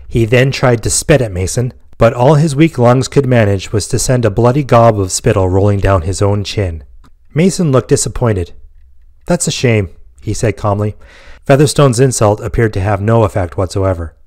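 A man telling a science fiction war story in steady, even scripted narration. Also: fairly low pitch, moderate pace.

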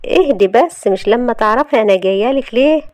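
A woman's voice: on the high side, expressive, fast talker, a little mellow, no room sound, pitched above the performer's own voice, natural voice. A woman doing a snide scheming young woman. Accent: Egyptian.

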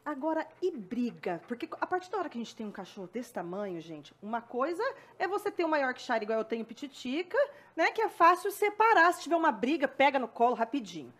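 A Brazilian woman hosting a TV studio interview, chatty and eager, with quick replies. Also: sits high, very animated, a bit bright. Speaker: TV show host.

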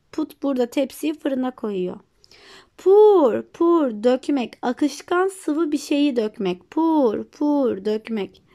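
A woman's voice: sits high, darkish tone. A woman with a Turkish accent teaching an English vocabulary lesson, saying each word twice with emphasis and then giving its meaning. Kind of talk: vocabulary lesson, repeat-after-me drills.

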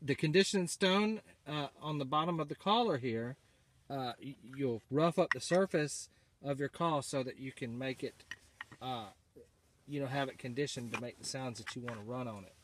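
A man's voice: mid-range voice, normal speed, noisy background. A man speaks in a casual, friendly-paced outdoor chat as an off-camera co-host. He talks as if guiding a young partner through a gear show-and-tell, recorded on a handheld phone inside a small blind. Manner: prompting a child with leading questions.

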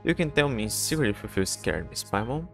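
A man reading the lines of an earnest, gentle little girl telling a story, with hesitant restarts and faint game music behind. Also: medium pitch, very animated, brisk, vocal fry.

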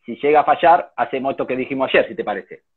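A man's voice: medium pitch, fast. Glitchy video-call voice, Argentine man. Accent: Argentine Spanish. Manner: easygoing, informal. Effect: glitchy, choppy video-call audio. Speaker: guest lecturer. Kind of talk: casual chat before an online talk. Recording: tinny video-call line, husky.

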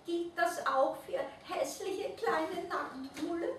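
A woman voicing a small, ugly male naked mole rat in a storybook reading, with a high, squeaky, pleading voice. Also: takes it slowly, a little hiss or hum. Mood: eager. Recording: echoey room from far off.

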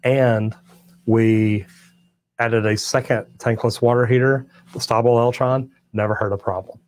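An older master plumber from Texas, with an accent to match, hosts a casual livestream and handles chat questions in a folksy, plainspoken, drawling storytelling style. His medium-pitched voice is steady, a little slow and a little mellow, with no echo. A clip-on lapel mic captures him on a studio set with shelves of tools and merch.

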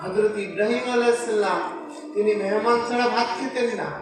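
A man's voice: high-pitched, a little fast. A man giving an informal sermon as an Islamic preacher, talking conversationally and putting rhetorical questions straight to his listeners. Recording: echoey, distant mic with loud background noise.

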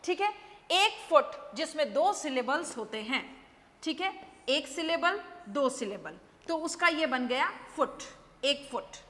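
Female teacher, high-pitched, unhurried delivery, classroom reverb. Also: expressive, a bit bright. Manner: explains slowly, repeats, checks with "ठीक है", mixes English terms. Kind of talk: exam-prep lesson on poetic meter.

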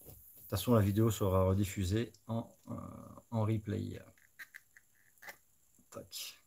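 A man hosts a live stream in a relaxed, chatty way, thinking aloud as he goes. His voice sits low and has a rough, gravelly texture. He addresses his viewers directly. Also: a little slow, slight background noise. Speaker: host of a live scale-modeling stream. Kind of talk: casual live-stream chat.

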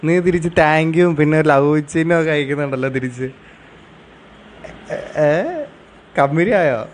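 A young man with a high voice and lively, swinging pitch talks into a phone in a comedy sketch. He nags and scolds like a jealous, possessive boyfriend. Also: a little slow, slight background noise. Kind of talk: comedic one-sided phone call.

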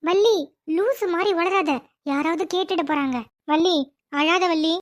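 A woman voicing a fussy, scolding mother in a cartoon, loud with exclamations. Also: very high voice, moderate pace. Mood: worried.

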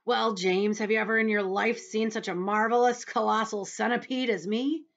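A woman voicing a boastful, rascally male centipede in a loud, self-satisfied manner for a storybook. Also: a little high, fairly even intonation, normal speed, vocal fry, dull audio, voice pushed up.

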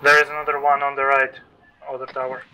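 A man in casual game chat, with a mid-pitched and very sharp, bright voice. Faint noise sits behind him on the voice channel. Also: completely flat delivery, fast, low-quality recording. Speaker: gamer in co-op military shooter.

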